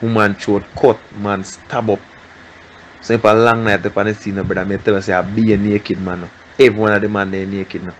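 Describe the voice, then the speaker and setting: A man's voice: flat delivery, a little fast, a little hiss or hum. A man with a Jamaican accent, heard as a recorded voice message being played back, giving an informal witness account and often calling the listener brother. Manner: low-key, repetitive, keeps addressing the listener as brother.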